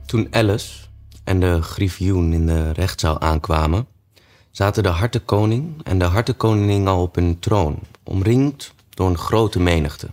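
Low-voiced man reading a storybook. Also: a little slow, faint music behind. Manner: relaxed reading with frequent "eh" fillers. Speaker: narrator.

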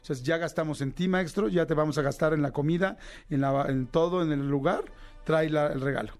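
A Mexican man hosting a radio show, joking loudly and getting excitable as he chats. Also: brisk, faint music behind. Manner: loud, joking and excitable, with big jumps in pitch. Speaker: radio host. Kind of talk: casual radio chat.

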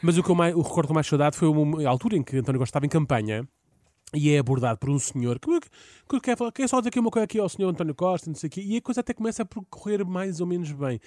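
A man with a European Portuguese accent co-hosting a comic podcast, throwing in quick joking asides. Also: on the high side, animated, darkish tone, no room sound, studio quality. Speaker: co-host.

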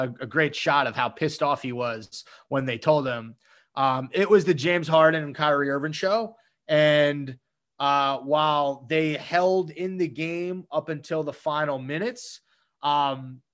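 A man with a slightly high voice co-hosts a casual sports talk show. He gets animated as he runs through game stats and recaps the action, stacking up numbers as he goes. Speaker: sports podcast co-host.

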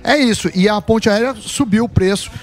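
Chatty high-voiced studio man, forties. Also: moderate pace. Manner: chatty, anecdotal. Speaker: radio show panelist. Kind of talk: studio chat. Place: radio studio.

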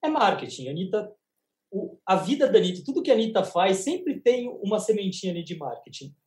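A Brazilian man co-hosts a celebrity gossip chat, teasing and joking as he talks. His voice sits a little high for a man. The room around him rings with echo. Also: very animated, brisk, darkish tone. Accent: Brazilian Portuguese. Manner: playful, teasing. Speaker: entertainment news editor, co-host. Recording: echoey room.

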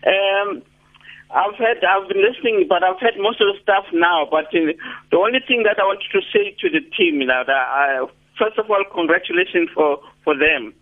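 A man from the Free State calling in to a radio show, heard over a clipped telephone line and talking haltingly as he searches for words. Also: sits high. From Free State, South Africa. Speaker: radio caller. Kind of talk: call-in radio comment. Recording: tinny lo-fi phone line.

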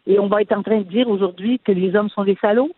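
An older woman, calling in to a radio talk show, talking earnestly with many halting restarts. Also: mid-range voice, steady tone, slightly rough. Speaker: caller. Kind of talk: phone-in radio chat. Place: on a phone call from abroad. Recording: tinny phone line.

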